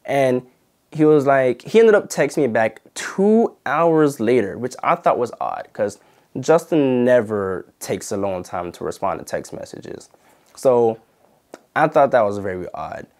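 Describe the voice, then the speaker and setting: A man's voice: medium pitch, lively intonation, a little slow, darkish tone. A young man telling a story to camera in a casual, indignant way, full of "like" and "you know". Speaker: channel host and former videographer.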